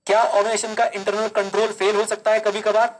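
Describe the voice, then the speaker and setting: A male teacher giving a live online class, speaking slowly and deliberately, repeating key lines, quizzing students and mixing Hindi with English. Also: sits high, little pitch movement, low-quality recording. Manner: mixes Hindi and English, calls students kids.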